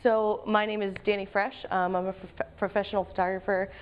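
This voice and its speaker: An American woman giving informal interview answers in a halting, conversational, reflective way. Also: mid-range voice, level tone, smooth, lo-fi sound. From Pennsylvania, United States. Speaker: professional photographer and project advisor.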